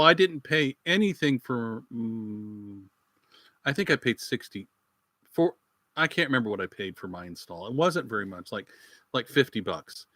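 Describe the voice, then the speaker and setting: A man's voice: mid-range voice, fairly bright tone, no room sound. A man from the United States hosting a live Q&A, answering viewers in a folksy, rambling, chatty way from his rural home. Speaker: channel host answering viewer questions. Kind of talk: live-stream Q&A chat.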